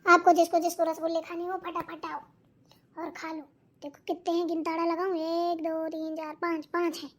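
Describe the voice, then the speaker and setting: A woman's voice: extremely high pitch, flat delivery, moderate pace. A woman voicing a chatty young daughter-in-law in a cartoon who talks straight to viewers. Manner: chatty, addresses viewers directly. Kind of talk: cartoon voice acting.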